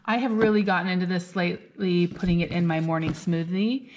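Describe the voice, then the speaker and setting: A woman's voice: lowish voice, steady tone, a little fast, darkish tone, dull audio, slight background noise. Chatty upbeat woman vlogging. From Alaska. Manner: chatty, upbeat, talks straight to viewers. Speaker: vlog host. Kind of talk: casual shop-with-me vlog chat. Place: car, then home kitchen.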